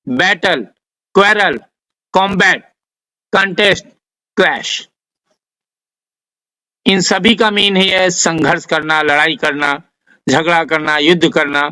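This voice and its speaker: A man with an Indian accent, teaching a vocabulary lesson, dictating word lists slowly and carefully. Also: high-pitched, bright, forceful tone, poor audio. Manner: dictates word lists slowly, spells out English example sentences. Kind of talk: slow, deliberate vocabulary lesson.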